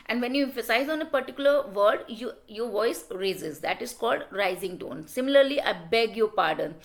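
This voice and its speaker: A high-pitched woman with an Indian English accent teaching a class. She explains step by step, slips into Hindi now and then, and keeps asking "okay?" to check that students follow. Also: fairly bright tone. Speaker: lecturer. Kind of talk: classroom lecture.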